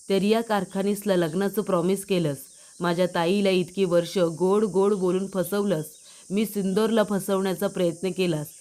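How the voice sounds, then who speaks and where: A woman's voice: medium pitch, a little mellow, lightly acted. A woman voicing a furious young man who threatens and taunts a villain in a retold TV drama scene.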